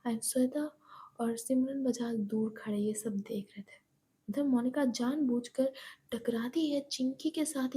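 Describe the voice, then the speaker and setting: A woman telling a love story episode in a hushed, whispered narration. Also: sits high, slightly rough.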